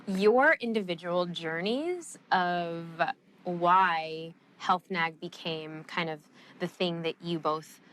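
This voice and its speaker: A woman's voice: on the low side, slow pace, a bit bright. A woman hosting a podcast in a casual interview, upbeat and gushing. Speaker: podcast host.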